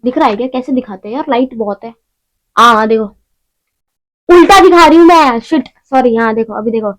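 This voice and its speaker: A woman's voice: a little high, fairly quick, poor audio. A young woman talking casually through a beauty haul at home, chatty and rambling with self-mocking asides. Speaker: beauty vlogger. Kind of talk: casual shopping haul vlog.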